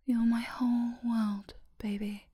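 A woman whispers an ASMR girlfriend roleplay close to the microphone, soft, affectionate and drowsy. Her voice sits a little high but stays flat and slow. The sound is mellow, breathy and dry. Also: no room sound. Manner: slow and soothing, sleepy.

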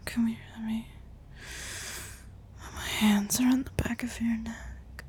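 A woman performing a whispered role-play as an affectionate lover, with a sultry, breathy, intimate murmur close to the microphone. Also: a little high, little pitch movement, slow, a little mellow.

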